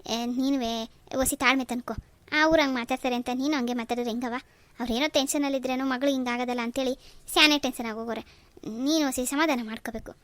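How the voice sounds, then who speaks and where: A voice artist playing a calm older father who consoles his daughter in a cartoon. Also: sits high, quick pace, dry recording. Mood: soothing. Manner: soothing, reasoning. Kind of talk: cartoon voice acting.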